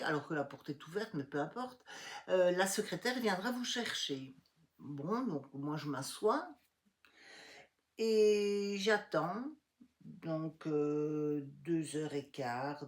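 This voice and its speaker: A middle-aged woman telling a personal story in a casual vlog, acting out the lines of the people involved. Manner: animated retelling, acting out dialogue with rising pitch. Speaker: vlogger.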